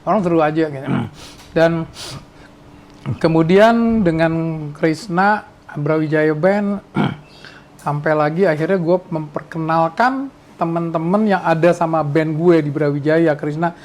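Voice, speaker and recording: Man in his sixties, high voice, rambling. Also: unhurried, darkish tone. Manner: rambling, reminiscing with restarts. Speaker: podcast host. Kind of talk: casual chat.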